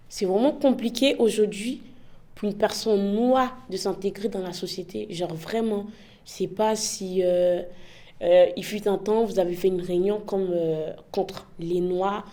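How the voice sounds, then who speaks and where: A woman's voice: medium pitch, steady tone, measured pace, dark tone. A young woman giving frank, impassioned interview answers, often tagging her points with "en fait". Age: young adult. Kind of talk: candid interview testimony.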